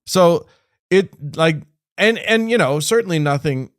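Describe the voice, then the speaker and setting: A man co-hosting a podcast in casual conversation, halting with frequent restarts and fillers, his phrases fading quietly at the ends. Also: on the high side, lively intonation, no room sound, clean studio sound. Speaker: podcast co-host.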